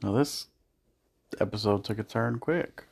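A man's voice: on the low side, unhurried, gravelly, breathy edge. A man co-hosting a casual podcast chat with his partner, sarcastic and swearing casually. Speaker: podcast co-host.

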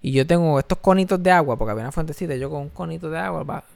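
Podcast co-host, Puerto Rican man, a bit of fry in the voice, lively anecdotes peppered with English. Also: on the high side, racing, no room sound. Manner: animated, mixes English into Spanish, laughs often. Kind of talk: casual storytelling chat.

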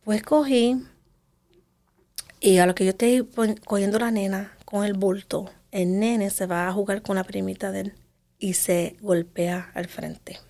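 This voice is a woman giving an emotional testimony in an interview. She talks fast, piling one detail on the next, and her voice often falls to a near whisper. Her pitch sits in the middle range. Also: steady tone, mellow. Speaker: interview guest.

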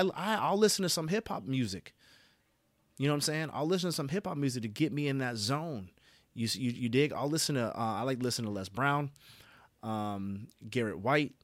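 A man's voice: medium pitch, moderate pace, no room sound. Earnest man giving a motivational talk. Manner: repetitive, earnest, says "you dig?". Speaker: podcast host.

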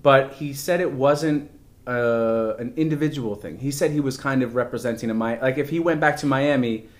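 A man hosting a podcast, asking questions and telling stories in a relaxed, chatty way. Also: medium pitch, moderate pace. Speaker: podcast host. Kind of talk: casual interview.

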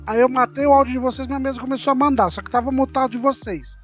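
A man's voice: very high voice, fairly even intonation, very fast, dull audio, faint music behind. A man co-hosting a casual podcast from a remote mic, talking in a scattered, self-mocking way. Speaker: podcast co-host. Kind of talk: casual chat. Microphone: remote mic with the signal fading.

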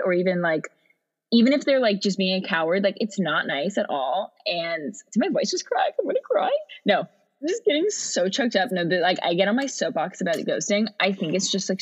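A woman's voice: mid-range voice, husky. A woman co-hosting a casual chat, ranting emphatically and swearing now and then. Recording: slightly dull lo-fi sound.

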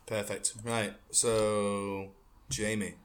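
A man's voice: fairly low pitch, flat delivery, extremely slow, echoey room. A man hosting a casual chat, steering topics and playing devil's advocate.

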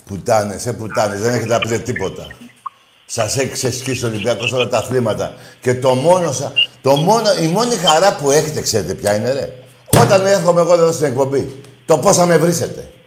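A man hosting a call-in radio show, combative and insulting toward callers, swinging between loud outbursts and low muttering. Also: sing-song, roomy sound, noisy background. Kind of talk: heated call-in show banter.

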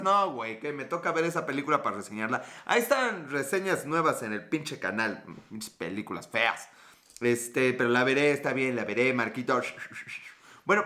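A man's voice: mid-range voice, sharp tone. A man in his thirties with a Mexican accent, hosting a casual, joking live stream and reading out viewer comments. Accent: Mexican Spanish. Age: 30s. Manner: joking, profane, reads out chat comments.

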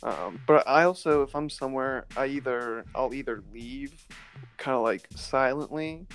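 A man's voice: mid-range voice, moderate pace, a bit bright, soft background music. A young man co-hosting a podcast in casual chat, hesitant and trailing off mid-thought. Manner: hesitant, trails off, laughs easily. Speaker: podcast co-host.

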